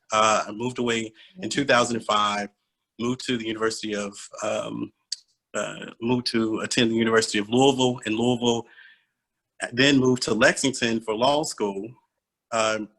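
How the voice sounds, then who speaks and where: Lower-voiced man introducing himself haltingly. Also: pushed and bright, poor audio. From Kentucky. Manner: hesitant, many fillers and self-corrections. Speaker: attorney and panel participant. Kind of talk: personal introduction in a group conversation. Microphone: video call.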